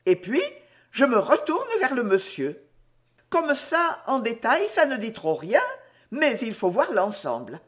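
A woman's voice: fairly high pitch, very animated, measured pace. A woman voicing a teasing, playful young woman who adores her anxious lover, in an audiobook reading. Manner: teasing, playful, mock-exasperated.

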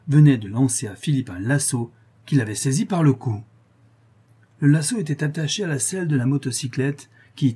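A male narrator with a husky, slightly breathy voice reads an adventure novel aloud. His tone is dark and mellow, kept steady through long sentences, and it rises a little at the tense moments. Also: mid-range voice. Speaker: audiobook narrator. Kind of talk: scripted narration.

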